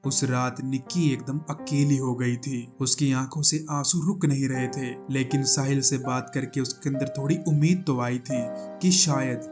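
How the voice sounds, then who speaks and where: A man narrating a true-crime story dramatically, with suspenseful pauses and repetitions. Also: mid-range voice, fairly even intonation, over music.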